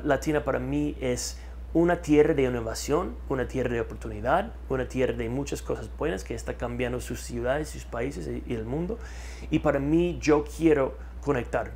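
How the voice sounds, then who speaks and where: With a medium-pitched voice and a little hiss or hum on the recording, an American marketing consultant speaks in an energetic studio interview through a lapel mic, a map backdrop behind him. Animated hand gestures accompany his habit of repeating key words for emphasis.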